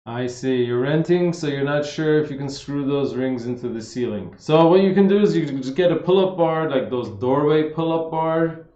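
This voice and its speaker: A man casually answering viewers' fitness questions on a livestream, relaxed and chatty, often saying "man" and "like". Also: on the high side, moderate pace. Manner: laid-back, says "man" and "like" a lot, reads questions aloud. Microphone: streaming setup. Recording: roomy, slightly dull livestream audio.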